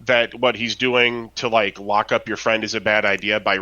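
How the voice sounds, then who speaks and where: A man with a lowish, bright, forceful voice talks loosely on a podcast. He rambles through rules, full of "like" and "right?", in a relaxed, chatty way. His delivery is meandering and eager. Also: normal speed, muffled recording. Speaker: podcast co-host. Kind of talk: casual chat about a role-playing game.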